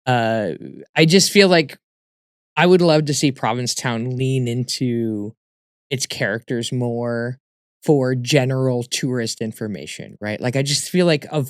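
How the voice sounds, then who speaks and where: A man with a mid-range voice chats as a comedy guest in an interview. He tells stories in an animated, emphatic way, repeating words for punch. The sound is dry and close. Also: medium pitch, clear, resonant tone, no room sound. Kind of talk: casual interview chat.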